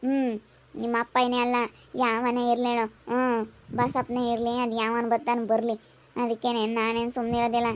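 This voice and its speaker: A woman acts out a quarrelsome middle-aged village aunt in a home-made drama. She scolds and accuses in a high, flat voice. The recording is slightly dull and lo-fi. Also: a little fast, close to an everyday voice. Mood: threatening.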